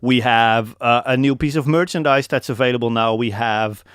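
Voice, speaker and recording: A man's voice: mid-range voice, moderate pace, a bit bright, smooth, no room sound, studio quality. A young man from the Netherlands with a Dutch accent, hosting a casual live coaching call and hammering home his points with repetition. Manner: emphatic, repeats key points, calls listeners man.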